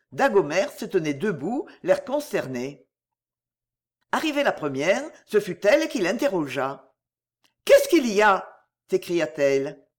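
A narrator reading a novel aloud with an expressive storytelling delivery. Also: mid-range voice.

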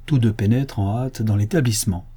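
Guy narrating an audiobook, dark mellow voice, bit husky, wry. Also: on the low side, a little fast. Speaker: audiobook reader. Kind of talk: scripted narration.

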